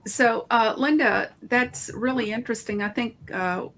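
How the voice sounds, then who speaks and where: Woman co-host with a gravelly edge. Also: on the high side, measured pace, a bit bright, slight background noise. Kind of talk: live broadcast hosting.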